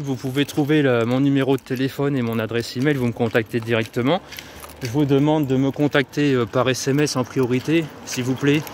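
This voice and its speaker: In a mid-range, slightly mellow voice, a French personal development coach and YouTuber chats to the camera while walking outdoors. He wanders from point to point in an upbeat way, plugging himself and laughing at his own remarks. You can faintly hear the street and some jangling keys.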